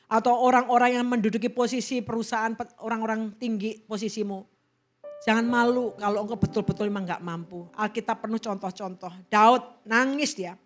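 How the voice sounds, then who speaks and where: A woman pastor preaching a sermon in a church, lively and expressive, now and then acting out quoted voices. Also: medium pitch.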